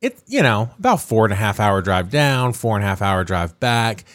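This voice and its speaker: A man's voice: lowish voice, very animated, normal speed, a bit bright, no room sound. A man co-hosting a casual podcast, a bit groggy from just waking up, telling a rambling story full of fillers. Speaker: podcast co-host.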